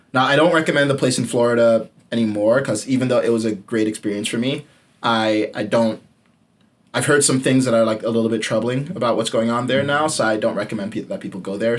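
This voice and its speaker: Telling a personal story on his podcast, a man in his late twenties keeps things candid and casual, swearing freely and sinking his voice low for emphasis.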